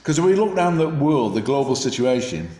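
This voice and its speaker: This is a man, preaching a sermon. He talks in a reflective, conversational manner, sometimes restarting a phrase, at an ordinary middle pitch. His voice carries a roomy echo. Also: big pitch swings, brisk, warm tone.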